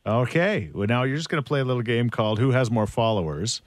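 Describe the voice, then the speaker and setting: A man's voice: medium pitch, animated, fast talker, dry recording. A man hosting a morning radio show in the upbeat manner of a radio contest promo, on a studio microphone.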